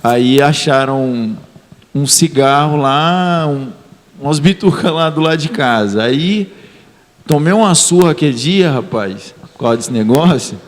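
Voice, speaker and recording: A man's voice: on the high side, expressive, a little slow. A man from Brazil with a São Paulo accent, telling a casual childhood story at a church youth meeting. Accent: São Paulo Portuguese. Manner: chatty, storytelling. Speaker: youth group member. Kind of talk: casual testimony. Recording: reverberant church hall.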